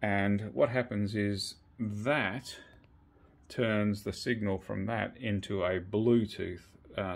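In a home garage, an Australian man presents a motorcycle gear video, rambling through a laid-back, colloquial how-to. His voice is lowish and creaky.

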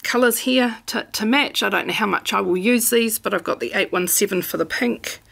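A middle-aged woman with a New Zealand accent, chatting casually at home as she plans, relaxed and full of ums. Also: mid-range voice, a little fast, creaky, husky. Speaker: planner vlogger. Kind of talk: casual craft chat. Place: home room.

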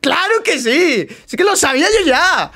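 A young man from Spain with a Spanish accent, commenting on his own game in his bedroom at home, swinging between muttering and excited shouting, and swearing a lot. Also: extremely high pitch, a little slow. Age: young adult. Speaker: gamer streamer. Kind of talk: live gameplay commentary.

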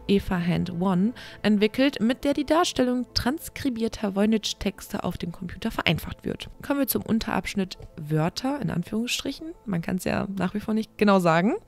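A woman hosting a podcast reads through a researched script in a voice of middling pitch. She keeps stopping for frank, self-deprecating asides to her listeners, and faint music runs underneath. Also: lively intonation, moderate pace, gravelly, hardly any pauses. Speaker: podcast host.

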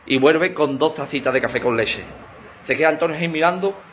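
A man tells jokes in a chatty storyteller's way. His voice is bright and fairly high. A faint room ambience sits behind him. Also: fairly quick, dull audio, slight background noise. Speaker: comedian telling jokes. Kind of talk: joke telling.

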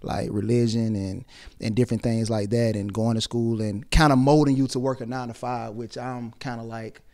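A man's voice: mid-range voice, steady tone, moderate pace, warm tone, no room sound. A young man from the Atlanta area, talking loosely as an interview guest and saying "you know what I'm saying" a lot, into a handheld mic. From South Side of Atlanta area. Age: young adult. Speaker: rapper and actor, interview guest. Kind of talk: casual interview.

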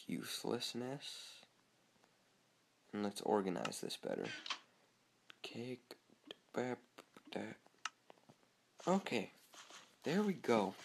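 A man's voice: low voice, gravelly, slight background noise. A young man giving casual, chatty commentary over his own gameplay, talking to himself and easily startled. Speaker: gamer.

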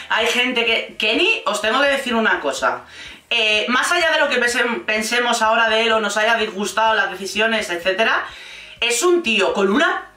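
A woman with a Spain Spanish accent delivers casual, blunt reaction commentary, swearing freely and mocking as she goes. Her voice is bright and sharp. It sits a little away from the mic in a roomy, echoey room. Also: a little high, recorded from a distance. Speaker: reality TV commentator.

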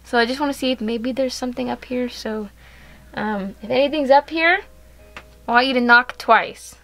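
A young woman vlogging casually at night to her viewers, nervous and jumpy, sometimes dropping to a hush. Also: a little high, normal speed, soft background music. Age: young adult. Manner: nervous, jumpy, hushed at times. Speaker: vlog host. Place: outdoors at night, in a car, and in a house and attic.

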